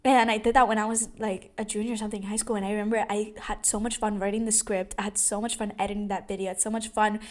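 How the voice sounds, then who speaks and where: A woman's voice: mid-range voice, level tone, racing, few pauses, darkish tone. A young adult woman telling a personal story in a casual vlog, chatty, with many fillers and restarts. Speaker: vlogger.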